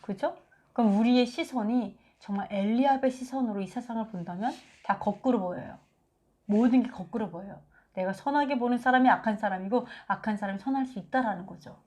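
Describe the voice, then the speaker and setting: A woman giving a conversational Bible teaching, lively and acting out quotes from scripture. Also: fairly high pitch, brisk. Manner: animated, acts out biblical quotes.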